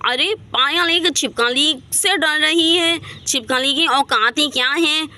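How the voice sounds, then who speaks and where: A woman voicing a sharp-tongued young village woman with quick, mocking retorts. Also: sits high, voice pushed up, exaggerated voice.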